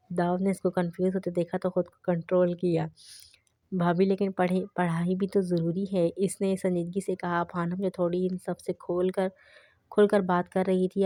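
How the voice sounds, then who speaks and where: A woman reading a romance novel aloud as an audiobook narrator, in a flat, steady way. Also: lowish voice, dry recording. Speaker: novel reader.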